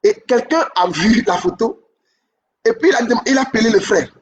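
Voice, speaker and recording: A man's voice: very high-pitched, animated, moderate pace, far from the mic, lo-fi sound, slight background noise. A man giving a relationship coaching talk, repeating his main points and checking in with the listeners. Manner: repeats key points, asks "ok?" often. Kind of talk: teaching talk.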